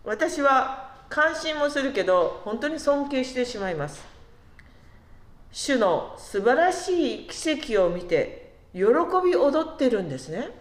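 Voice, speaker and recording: A woman giving a conversational sermon who asks the congregation questions and slows down on key words. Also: high-pitched, very animated, reverberant. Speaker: preacher.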